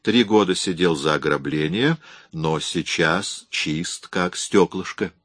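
A nervous, deferential private detective who reports dutifully to his boss, read by a man. The voice is deep, and the recording is dry and close. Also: takes it slowly, fairly bright tone, dry recording, full character voice. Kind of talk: audiobook reading.

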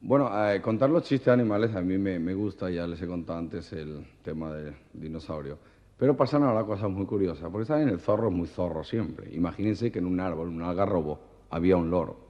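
Comedian on old cassette. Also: male voice, deep voice, fairly quick. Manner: lively joke telling with voices. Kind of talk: stand-up joke telling. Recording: muffled reverberant old cassette.

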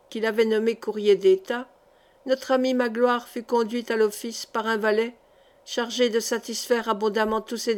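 A woman reading a historical novel aloud as an audiobook narrator, steady and expressive. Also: fairly high pitch. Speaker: audiobook reader. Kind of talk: scripted narration.

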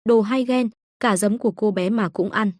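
A woman's voice: medium pitch, moderate pace, a little mellow, no room sound, studio quality, natural voice. A woman voicing a clever young heroine who gives orders and teases her husband. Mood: teasing. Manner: teasing, decisive.

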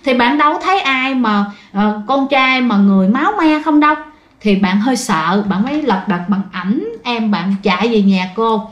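A woman's voice: on the high side, moderate pace, muffled recording. A woman with a Southern Vietnamese accent hosting a ghost story show, telling the tale in a chatty way and speaking straight to her listeners. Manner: chatty, addresses listeners directly. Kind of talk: casual spoken storytelling. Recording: roomy echo.

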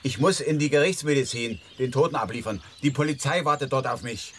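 An actor playing a frightened, nervous male asylum inmate in a radio drama, recounting events in a halting, jittery way. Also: mid-range voice, natural voice. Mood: agitated. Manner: halting, jittery, slow and drawn out when haunted. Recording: audible background noise.

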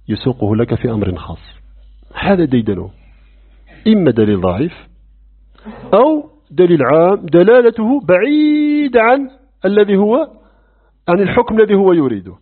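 Heard through a narrow, phone-like lo-fi recording, a man with a medium-pitched, breathy voice teaches a lesson on creed. He is animated, posing rhetorical questions and playing out dialogues as a religious teacher would.

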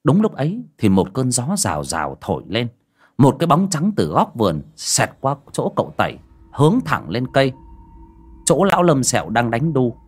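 A man narrating an audio ghost story in a dramatic, lively storytelling manner. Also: mid-range voice, normal speed, husky.

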